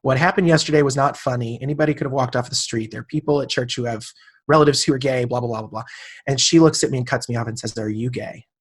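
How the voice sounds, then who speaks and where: A man's voice: medium pitch, fast, breathy edge. A man in his late thirties, a podcast guest, telling a personal story in casual conversation and acting out the people he quotes. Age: 30s.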